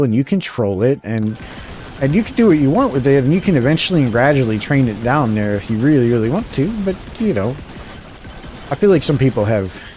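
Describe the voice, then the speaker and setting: A man from the suburbs, chatting casually on a live stream, mumbling a little, talking fairly slowly and rambling with restarts. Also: medium pitch, a little mellow. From Philadelphia suburbs, USA.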